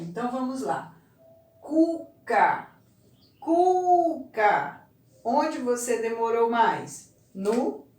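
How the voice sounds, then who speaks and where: A woman teacher giving a recorded lesson to young children, stretching out words slowly to show the stressed syllable. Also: mid-range voice. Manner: slow, drawn-out word stressing for children. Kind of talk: recorded remote class lesson. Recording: echoey room, voice from far off.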